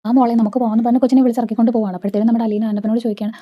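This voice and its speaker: Rapid-fire woman retelling a TV serial. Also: a little high, steady tone, highs cut off. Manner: retells scenes acting out the dialogue in quick bursts. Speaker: serial episode recapper. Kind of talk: casual spoken recap of a TV serial.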